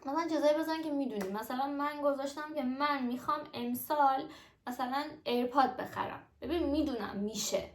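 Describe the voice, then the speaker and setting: A woman's voice: sits high, a little hiss or hum. A young adult woman talking casually and directly to her viewers in a chatty explainer vlog. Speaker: vlogger. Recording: echoey room.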